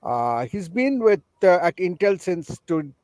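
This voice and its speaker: Indian guy on a choppy conference call, audio cutting out, kinda high voice, stop-start formal intro. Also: sing-song, darkish tone, dry recording, studio quality. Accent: Indian English. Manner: halting, stop-start delivery with frequent pauses. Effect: online conference call audio that keeps breaking up. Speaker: professor introducing a speaker at an online event. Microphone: video call.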